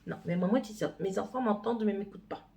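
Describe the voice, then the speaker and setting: Mellow-voiced woman rambling in a home vlog. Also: medium pitch, fast talker, creaky. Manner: rambling and chatty, lots of hesitations. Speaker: mother and home vlogger. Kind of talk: casual vlog chat.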